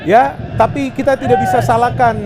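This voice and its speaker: High-voiced Indonesian football analyst, man. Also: fairly even intonation, moderate pace. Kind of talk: analytical live football commentary. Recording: loud crowd and stadium noise.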